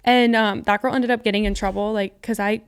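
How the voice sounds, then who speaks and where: A woman's voice: mid-range voice, steady tone, fairly quick, clean tone. A young woman co-hosting a podcast, telling rambling stories in casual chat and swearing freely. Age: young adult. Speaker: podcast co-host.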